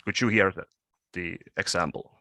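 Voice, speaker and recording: Halting low-voiced man presenting research. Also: creaky, sharp tone, no room sound. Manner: halting, with frequent word repeats and restarts. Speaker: conference presenter. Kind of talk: academic conference presentation.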